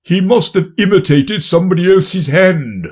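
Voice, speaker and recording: A man voicing a fussy, blustering old king presiding over a courtroom, with loud, pompous pronouncements. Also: sits high, moderate pace, slightly rough, pitched above the performer's own voice.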